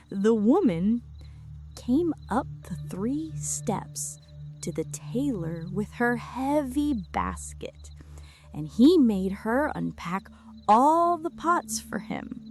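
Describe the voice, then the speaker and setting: A woman reading a bedtime fairy tale as a storyteller. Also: on the high side. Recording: music behind the voice. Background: music.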